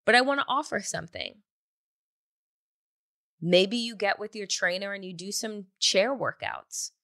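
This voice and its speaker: An earnest woman hosts a podcast in a bright, forceful voice. She often restarts herself with fillers and repeated words. The recording is dry and close. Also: medium pitch, lively intonation, unhurried, dry recording. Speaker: podcast host. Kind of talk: casual podcast talk and interview intro.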